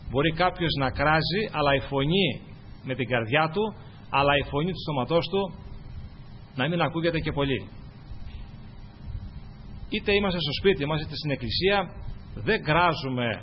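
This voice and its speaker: A man preaching a sermon to his congregation, climbing to loud, fervent peaks and then dropping low and quiet. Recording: dull lo-fi recording with faint hiss.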